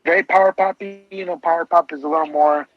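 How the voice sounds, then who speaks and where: A man's voice: on the high side, fairly even intonation, fast talker, dry recording. Rambling enthusiastic man, dull lo-fi sound. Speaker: podcast co-host. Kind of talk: casual music discussion. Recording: dull lo-fi podcast audio.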